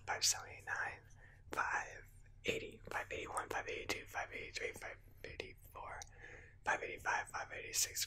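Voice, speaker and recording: A young man whispering breathily in an ASMR style, counting numbers under his breath in a slow, repetitive way. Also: sharp tone. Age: young adult. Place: living room at home, indoors.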